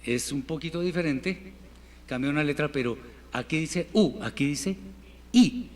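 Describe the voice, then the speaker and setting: A man teaching a Hebrew class in Spanish, patiently repeating words slowly for his students. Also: a little high. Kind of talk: classroom language lesson. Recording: reverberant hall, faint room noise.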